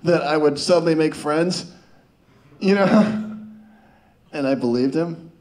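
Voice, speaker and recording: Male stand-up comic, high voice, rambling, stammering delivery. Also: slow pace, darkish tone. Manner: rambling storytelling, stammers and restarts, chuckles. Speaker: stand-up comedian. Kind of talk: stand-up comedy.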